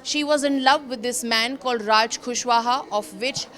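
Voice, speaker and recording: A woman with an Indian accent and a slightly high, somewhat bright voice presents a news explainer as a reporter at a moderate pace. The commentary is semi-scripted, and she speaks emphatically, repeating phrases for stress.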